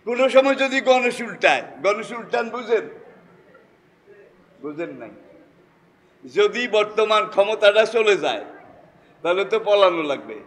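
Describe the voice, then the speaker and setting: A Bangladeshi man delivers a Friday sermon in a Bengali accent, his voice sitting high for a man. He keeps turning to the congregation with rhetorical questions. A long reverb trails each phrase through the hall. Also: sing-song, normal speed, pauses often. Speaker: preacher.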